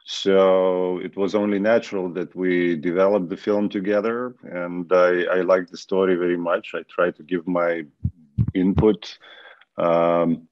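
A man with a deep voice talks thoughtfully over a video call. He repeats words and uses fillers as he goes. The audio is dry and dull. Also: flat delivery, measured pace, dry recording. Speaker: film producer. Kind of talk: answering questions in a video call. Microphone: webcam on a video call.

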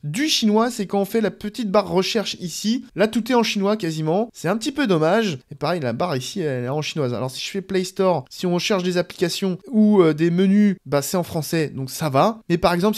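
High-voiced man hesitating through a demo. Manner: thinks aloud with many hesitations. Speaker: tech YouTuber. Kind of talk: casual demo voice-over.

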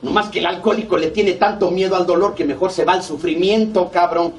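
A man's voice: high-pitched, fairly quick. Blunt, swearing Mexico City man, distant mic. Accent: Mexico City Spanish. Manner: blunt and heavily profane, acting out both sides of conversations. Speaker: AA member giving a testimony. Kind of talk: recovery meeting testimony. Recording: distant mic with faint background noise.

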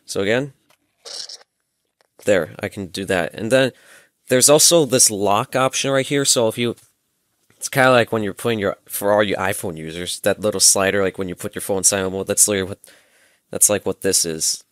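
Here a young man in early adulthood, recorded at studio quality on a headset microphone with no room sound, presents a gadget tutorial indoors in a small home room. His slightly bright, lowish voice keeps a moderate pace as he demonstrates and explains informally, one step at a time.

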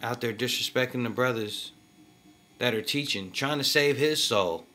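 A man's voice: medium pitch, normal speed, bright, forceful tone, slight background noise. A man giving casual, slangy video commentary in an emphatic way, often asking "you feel me".

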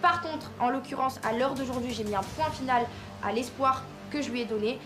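Reality show contestant: young woman, rapid-fire and emphatic, over background music. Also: high voice. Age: young adult. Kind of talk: reality show confessional and heated argument. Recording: loud music bed, chattering group behind.

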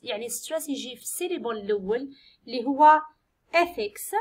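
A woman with an Algerian Arabic accent, an English teacher explaining an exam step by step and reading English sentences slowly and clearly. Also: fairly high pitch. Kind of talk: exam-prep lesson, mixing Arabic and English.

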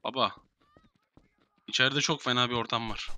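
Bright-voiced young man bossing players around. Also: mid-range voice, fairly even intonation, moderate pace. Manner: bossy, herding players, swearing. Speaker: gamer streamer. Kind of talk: casual game voice chat.

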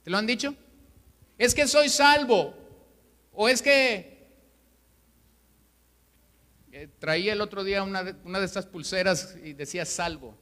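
Bright-voiced pastor preaching. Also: male voice, high voice, moderate pace, long pauses. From Mexico. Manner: emphatic preaching with rhetorical questions. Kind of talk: sermon. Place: church hall. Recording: long reverb of a church hall.

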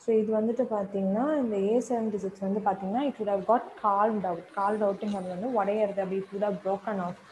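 A woman's voice: mid-range voice, steady tone, moderate pace, hardly any pauses, mellow, slight background noise, poor audio. A woman with a Tamil accent teaching an exam revision lesson on current affairs, switching between Tamil and English with frequent fillers and restarts.

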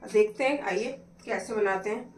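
A woman's voice: mid-range voice, normal speed, recorded from a distance, a little hiss or hum. A woman chatting casually as she demonstrates a recipe at home, explaining each step as she cooks. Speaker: cooking vlogger. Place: home kitchen. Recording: echoey kitchen, voice from off-mic. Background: clatter of pots and utensils.

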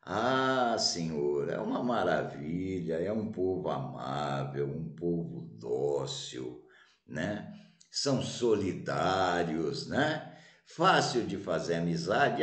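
A man voicing a polite and eager male wanderer, his voice raised higher than his usual talk. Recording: roomy echo.

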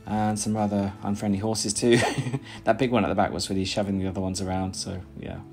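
His voice runs on the low side with little pitch movement, a brisk pace and a slightly mellow sound, and faint music plays behind it. He's a British man in his thirties, chatting and rambling for a casual vlog and voice-over in a small plain room, often saying "uh" and restarting.

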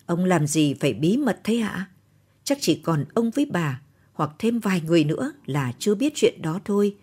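A woman's voice: on the low side, very animated, moderate pace, a little mellow, husky. A woman voicing a cheeky young grandson, teasing and gossiping in an audio storybook. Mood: mocking.

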